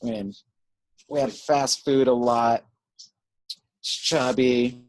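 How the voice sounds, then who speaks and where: A man's voice: medium pitch, takes it slowly, dry recording. Man on a call that keeps breaking up. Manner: relaxed, chuckling, rambling storyteller. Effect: voice breaking up on a glitchy internet call. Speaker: guest, younger brother. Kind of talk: casual remote conversation.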